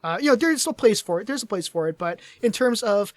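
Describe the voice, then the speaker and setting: High-pitched, expressive and brisk, the co-host chuckles and meanders through a casual gaming podcast while his voice, tired after hours of talking, begins to give out. The recording is dry and studio quality.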